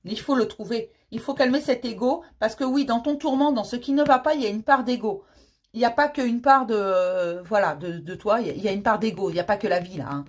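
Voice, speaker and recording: A tarot reading comes from a woman medium whose voice is a little high and fairly quick. Chatty and comforting, she keeps calling the listener "mon petit chéri", filling her talk with fillers and repeated phrases.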